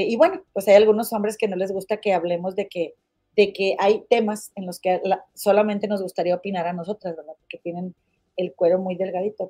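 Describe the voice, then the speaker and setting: A woman's voice: medium pitch, a little mellow. A woman with a Mexican accent hosting a casual livestream, gossiping bluntly and calling her viewers comadres as she reads their comments. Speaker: livestream host.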